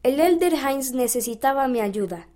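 A woman reading aloud a children's magazine story as scripted narration, in a calm, even storybook manner. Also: high-pitched, normal speed.

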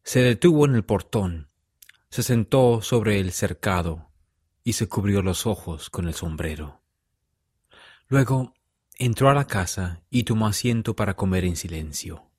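Male storyteller, low pitch, solemn and measured, dry recording. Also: lively intonation, darkish tone, breathy edge, no echo. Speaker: narrator. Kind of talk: scripted story narration.

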